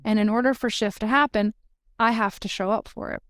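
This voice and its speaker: A woman's voice: fairly high pitch, steady tone, fairly quick, a bit bright, no room sound, studio quality. Emphatic woman channeling spiritual guidance. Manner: emphatic, peppered with "right?" tags.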